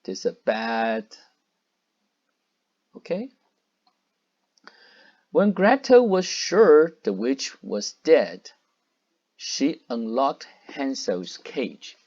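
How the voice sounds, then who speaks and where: A man's voice: mid-range voice, very animated, drawn-out words, pauses often, darkish tone. A man reading a storybook aloud for children, stopping to explain words and point at the pictures. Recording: dull lo-fi recording.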